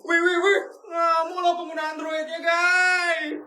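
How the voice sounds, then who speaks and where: A woman's voice: very high-pitched, little pitch movement, unhurried, bright, forceful tone, roomy sound, exaggerated voice. A woman playing a snobbish schoolgirl bully who taunts and sneers. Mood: mocking.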